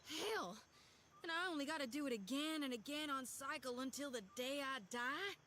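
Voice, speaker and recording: A folksy young priestess. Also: female voice, high voice, moderate pace, sharp tone, a little hiss or hum. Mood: pained, grumbling. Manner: folksy, plain-spoken drawl with homespun curses. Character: spirited young woman priest with a soul-reaping lantern, folksy. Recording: game audio under background music.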